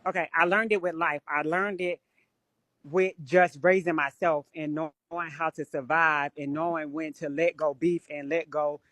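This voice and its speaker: Recorded dry through a phone or webcam on a live stream, a woman tells stories in a blunt, profane way during casual chat. Her low voice is steady in tone and a bit bright, moving at normal speed.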